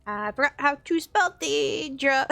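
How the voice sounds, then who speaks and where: Chatty woman streamer, fairly high voice. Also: expressive, unhurried, vocal fry, fairly bright tone, dry recording, faint music behind. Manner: chatty, informal. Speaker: game streamer. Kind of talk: casual gameplay commentary.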